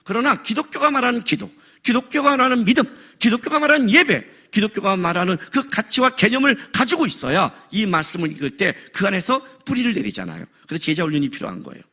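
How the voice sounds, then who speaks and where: Middle-aged male pastor preaching in church; bright, slightly husky voice, animated and joking. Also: high voice, fast talker, hardly any pauses. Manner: animated, jokes and raises voice for effect. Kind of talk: sermon. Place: church worship service.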